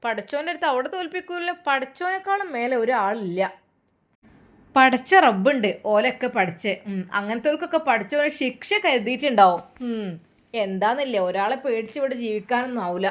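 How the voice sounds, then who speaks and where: A woman's voice: a little high, expressive, normal speed, natural voice. A woman voicing an older village mother, who speaks in a soothing, firm way and uses many motherly endearments. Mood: reassuring.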